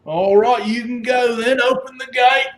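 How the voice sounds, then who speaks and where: An officious guard at a fantasy gate in a tabletop game, put on by a man. He speaks in a plain, routine way, with the pitch lifted well up. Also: steady tone, moderate pace, a bit bright, roomy sound. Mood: casual, officious.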